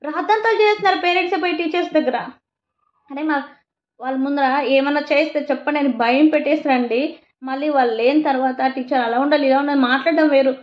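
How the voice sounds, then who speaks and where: A woman's voice: high-pitched, fast. A woman talking in a passionate monologue about parenting, scolding her listeners and firing off rhetorical questions. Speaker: vlogger giving opinions on parenting. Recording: roomy, dull lo-fi sound.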